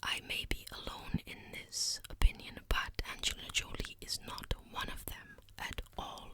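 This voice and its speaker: Very near the microphone, as if at the listener's ear, a woman murmurs in a breathy whisper for an ASMR video. She rambles casually, moving slowly and gently and frequently saying words again.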